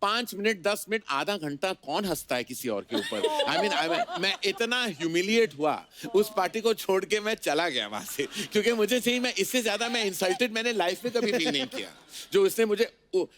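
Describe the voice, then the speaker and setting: A man's voice: high-pitched, big pitch swings, moderate pace, hardly any pauses, fairly bright tone. A middle-aged man from Mumbai, a talk show guest telling anecdotes animatedly, switching between Hindi and English. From India (Mumbai).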